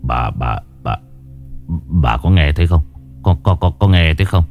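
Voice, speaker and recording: A man voicing a frightened older village father who stammers and snaps gruffly. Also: extremely low pitch, expressive, normal speed, highs cut off, faint music behind, voice pushed down. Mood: terrified.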